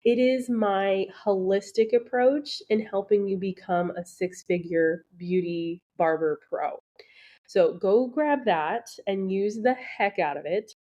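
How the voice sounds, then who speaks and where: Through a muffled recording comes a slow, mellow woman's voice at medium pitch. As a beauty business coach hosting her own podcast, she chats casually and supportively, dropping plenty of ums, and sounds slightly nasal and stuffy from allergies.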